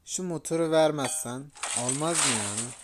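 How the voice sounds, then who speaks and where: A man's voice: on the high side, moderate pace. A man hosting a gaming channel, giving casual commentary, grumbling and pleading with the game in exasperation. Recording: loud background noise.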